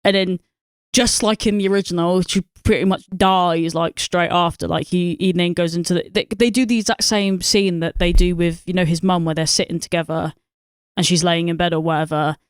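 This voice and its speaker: A woman's voice: fairly low pitch, steady tone, brisk, clean tone, dry recording, studio quality. A woman, co-hosting a podcast and rambling about a film with lots of swearing, fillers and laughter. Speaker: podcast co-host. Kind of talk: casual film review chat.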